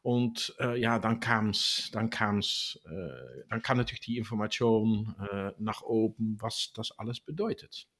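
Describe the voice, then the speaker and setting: A man in his sixties from the Netherlands speaking German with a Dutch accent, answering interview questions haltingly with many fillers. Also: lowish voice, lively intonation, a bit bright. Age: 60s. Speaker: guest.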